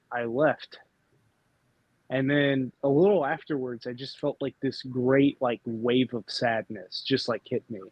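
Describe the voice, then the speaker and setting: A man's voice: mid-range voice, no room sound. A laid-back man in a casual group chat who acts out other people's reactions as he talks. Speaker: hangout participant. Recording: dull, dry call audio.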